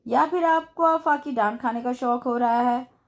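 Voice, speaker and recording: A woman's voice: high-pitched, normal speed. A woman voicing an arrogant, sarcastic young male businessman who speaks curtly. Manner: curt, mocking.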